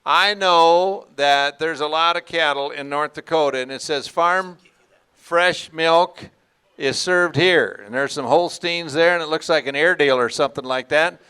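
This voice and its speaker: A man's voice: fairly high pitch, normal speed, sharp tone, clear, resonant tone. A man hosting a live student auction, interviewing and introducing the sellers in a folksy, bantering way. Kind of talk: live event emceeing and interviewing. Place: live auction event before an audience.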